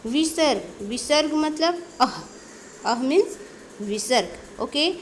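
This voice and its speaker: A woman teaching young children a lesson, speaking slowly, repeating each word and mixing in English terms. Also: sits high, animated, a little hiss or hum. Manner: slow, repeats words and mixes in English.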